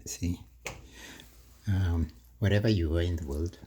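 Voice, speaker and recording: In his home kitchen, a vlogger from Kenya chats through a relaxed cooking monologue in a deep voice. His slow, wandering speech is full of fillers and quiet laughs, with noise audible in the background.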